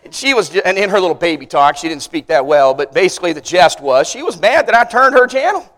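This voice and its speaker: A male pastor with a high voice preaches in a church sanctuary. He tells stories with animation, climbs loud at the punchlines, then sinks low and earnest. A long hall reverb trails each phrase. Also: big pitch swings, fast talker. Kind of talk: sermon.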